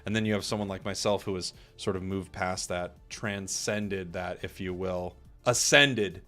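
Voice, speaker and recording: A man's voice: low-pitched, fairly even intonation, moderate pace, pushed and bright, soft background music. A man casting an esports stream, trading joking, teasing banter with his co-host. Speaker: esports caster. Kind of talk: casual esports commentary.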